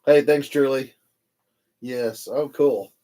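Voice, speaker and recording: A man's voice: medium pitch, fairly even intonation, slow, dark tone. A man, chatting casually on a livestream and reading viewer comments aloud. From Texas. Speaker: paranormal livestream host.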